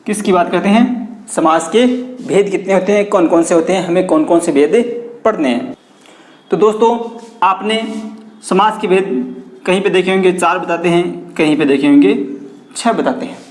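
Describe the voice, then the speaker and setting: High-voiced man teaching in an echoey room. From India. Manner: repeats key terms as questions to the class; drops in pitch on stressed key terms. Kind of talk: online grammar lesson.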